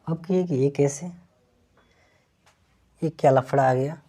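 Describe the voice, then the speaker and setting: A woman teaching in a slow, unhurried way, pausing on each point and quizzing her class before she repeats every answer. Her voice is low and mellow, with a slightly husky edge. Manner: keeps asking questions back to students and repeating answers. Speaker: English teacher. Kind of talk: classroom lesson explaining letter sounds.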